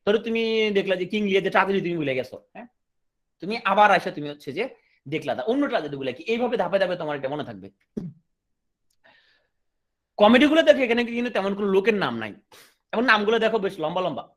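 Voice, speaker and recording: A man's voice: high voice, fast talker, long pauses. A man with a Bangladeshi accent giving a coaching class lecture, joking with his students between points. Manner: lively, joking asides to students. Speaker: teacher.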